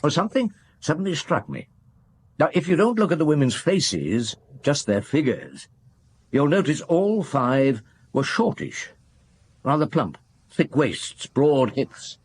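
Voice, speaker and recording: An actor playing a middle-aged chief inspector in a radio drama, methodical and thoughtful, laying things out in a measured, deliberate way. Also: male voice, fairly high pitch, big pitch swings, slightly rough, heavily acted. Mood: pondering, probing. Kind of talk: naturalistic radio drama acting.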